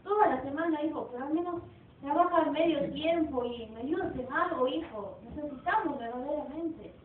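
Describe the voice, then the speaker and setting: A woman's voice: high voice, brisk, slight background noise, natural voice. A young woman in an amateur church play, acting a worried widowed mother who pleads tearfully with her son. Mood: pleading. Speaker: church youth actor. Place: church hall. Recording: distant, echoey, tinny.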